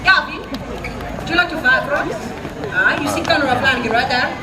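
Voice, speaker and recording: Commanding English monarch , actress, teasing olde fair speech, high voice, echoey and noisy surroundings. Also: female voice, a little fast, close to an everyday voice. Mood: playful, commanding. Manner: playfully commanding, often ending on "eh?". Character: imperious, playful English monarch commanding chess pieces. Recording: echoey fairground, loud crowd and noise.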